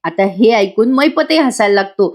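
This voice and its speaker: A woman's voice: mid-range voice, lively intonation, moderate pace, darkish tone. A woman giving a chatty voice-over recap of a serial episode, speaking directly to viewers. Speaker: serial reviewer.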